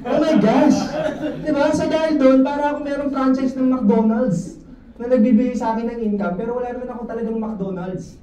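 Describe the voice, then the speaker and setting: Guy hyping up his sales team, dark mellow voice, echoey and a bit far off. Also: extremely high pitch, brisk, a faint crowd. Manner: lively, joking, keeps asking the room questions. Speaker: insurance sales manager. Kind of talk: motivational talk to a sales team. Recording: echoey room, mic at a distance, faint noise.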